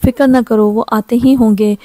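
A young woman stuck on a mountain, frightened and quick to snap, speaks in a fairly high but flat voice. The tone is mellow and dark. It is close and dry, the audio-novel figure voiced by a woman reader. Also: dry recording, natural voice. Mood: tense. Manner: snapping, exasperated.

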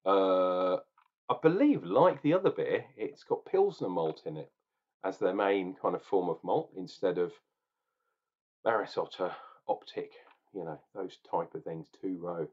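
Casting: low-voiced man in his forties, ranting home beer reviewer, muffled webcam sound. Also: expressive, a little slow, husky. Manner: opinionated, ranting, rambling and jokey. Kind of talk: casual beer review vlog. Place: small room at home, indoors. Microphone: webcam at desk.

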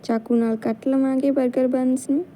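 A woman with a Punjabi accent, calmly explaining a cooking recipe step by step as a channel host. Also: high-pitched, moderate pace, a little hiss or hum, low-quality recording. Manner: calm step-by-step instruction. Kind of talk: cooking tutorial narration.

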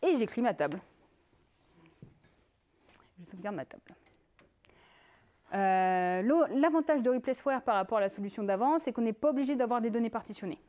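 Lively woman giving a tech talk. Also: on the high side, normal speed, long pauses. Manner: lively, conversational, with many fillers and asides. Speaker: conference speaker. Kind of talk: technical conference talk.

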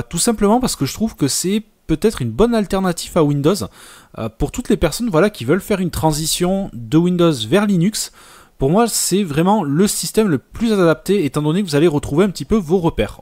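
A man presenting a casual computer tutorial over a screen recording, relaxed and full of hesitations. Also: a little high, dry recording, studio quality. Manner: relaxed, many filler hesitations.

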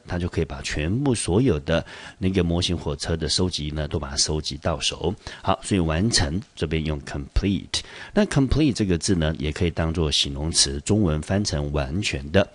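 A man with a Taiwanese Mandarin accent teaching English vocabulary, explaining patiently and slowing down to pronounce each English word. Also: deep voice, no echo. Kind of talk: vocabulary lesson.

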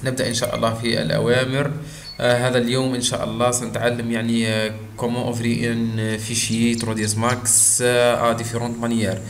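Hesitant Algerian man teaching software. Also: mid-range voice, completely flat delivery. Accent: Algerian Arabic. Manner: hesitant, frequent drawn-out fillers, mixes in French terms. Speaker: software instructor. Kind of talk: screen-recorded software tutorial. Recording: roomy echo with faint background noise.

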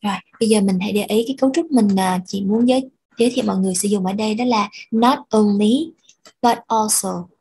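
A woman's voice: mid-range voice, fast talker, a little mellow, breathy edge, rough recording. A woman teaching English vocabulary, explaining patiently and repeating words for pronunciation. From Vietnam. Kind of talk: bilingual language lesson.

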